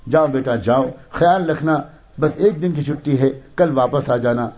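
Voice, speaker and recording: A man voicing a kindly male religious teacher who speaks to a pupil in a gentle, concerned way. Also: medium pitch, close to an everyday voice. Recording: dull lo-fi recording.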